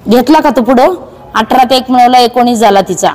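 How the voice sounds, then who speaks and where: A woman teaching young children a math game in a classroom, in a brisk way that coaxes them along. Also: a little high, darkish tone. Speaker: primary school teacher. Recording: echoey classroom reverb.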